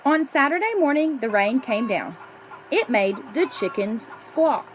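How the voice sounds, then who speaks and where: A woman reading a children's picture book aloud in an expressive storytelling way, drawing out the ends of phrases. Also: fairly high pitch, unhurried, soft background music. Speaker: storybook reader.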